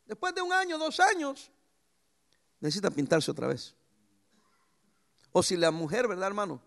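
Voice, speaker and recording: Male pastor, high gravelly voice, very lively swings in pitch, preaching with homely stories. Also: normal speed. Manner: lively preaching with sudden pitch jumps and anecdotes. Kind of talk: sermon.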